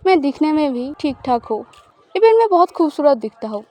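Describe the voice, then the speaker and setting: Playing a possessive, self-satisfied young spouse in an audio drama, a woman coaxes and teases with audible smiling. Her soft, mellow high voice swings widely in pitch at a brisk pace.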